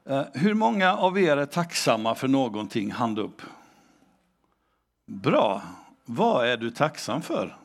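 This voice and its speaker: A man preaching a sermon, asking the congregation direct questions and reading scripture aloud slowly and deliberately. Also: medium pitch, very animated, gravelly. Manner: engaging, asks the congregation questions. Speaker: pastor.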